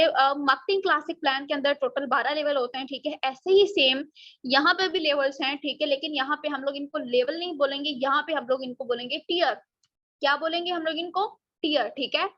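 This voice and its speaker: High, bright-voiced woman explaining patiently. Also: dry recording. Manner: checks understanding with repeated "okay" and rhetorical questions. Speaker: presenter explaining a marketing plan. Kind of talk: casual explainer lesson. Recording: dull, slightly lo-fi dry recording.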